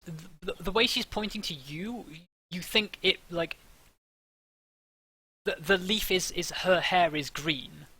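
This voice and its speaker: A man's voice: sits high, slow pace, pushed and bright, slightly rough, dry recording, rough recording. A man running a tabletop game as game master, narrating with many fillers and restarts.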